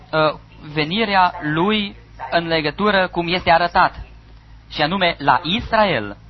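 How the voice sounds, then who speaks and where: A man preaching a sermon, reading scripture aloud with emphatic pauses. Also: a little high. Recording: dull lo-fi recording with audience.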